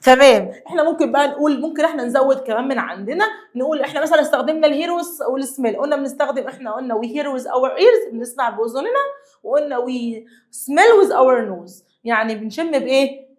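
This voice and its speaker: A young Egyptian woman with a high voice teaches an English lesson to children. She is lively and coaxing and repeats each new word slowly for her pupils. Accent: Egyptian Arabic. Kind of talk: classroom lesson explaining vocabulary.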